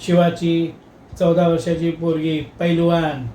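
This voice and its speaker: A man telling a comic story in a lively, dramatic way. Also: on the high side, takes it slowly, reverberant, slight background noise.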